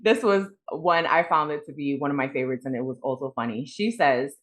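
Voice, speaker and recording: A woman's voice: deep voice, a little fast. A woman co-hosting a casual book review podcast, frank and profane, with many fillers. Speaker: podcast co-host.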